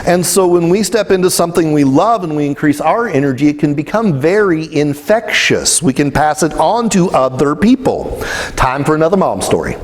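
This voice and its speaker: A man's voice: fairly high pitch, animated, normal speed, in a large hall. A man giving a motivational talk, telling stories in a blunt, casual way. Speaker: spiritual speaker.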